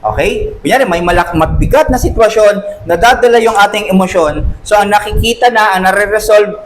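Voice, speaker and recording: Man, high-pitched, church class lecture, conversational, acts out quoted voices. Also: a little fast, slight background noise, low-quality recording. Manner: conversational, checks in with rhetorical questions. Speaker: Sunday school teacher.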